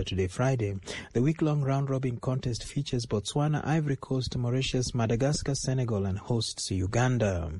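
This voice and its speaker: Man, sports news reader, formal scripted delivery, mellow dark tone, dry close sound. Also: medium pitch, husky, dry recording.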